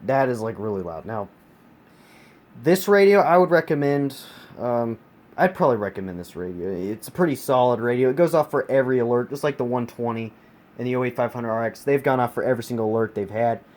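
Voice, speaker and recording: With a mid-range, slightly mellow voice and lively intonation, an American man talks a little fast while emphatically reviewing the weather radios he collects, repeating words for stress. He isn't seen; a handheld phone camera records him in a carpeted room at home, with plenty of noise.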